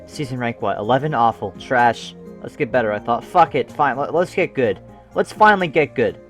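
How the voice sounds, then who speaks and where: A man's voice: medium pitch, animated, normal speed, soft background music. A young man narrating a gaming story in a jokey, self-mocking way, swearing and breaking into asides. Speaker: gaming video creator. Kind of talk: comedic scripted narration.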